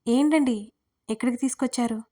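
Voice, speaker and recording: A woman's voice: fairly high pitch, brisk, lightly acted. Woman doing a fiery, exasperated young wife. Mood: annoyed, puzzled. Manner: shouting, scolding.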